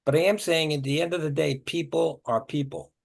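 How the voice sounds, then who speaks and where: A man's voice: on the high side, fairly even intonation, fairly quick, gravelly. A man running a workshop on workplace communication, coaching participants in a conversational way and acting out short example exchanges. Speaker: workshop trainer. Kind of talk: leading a communication training session.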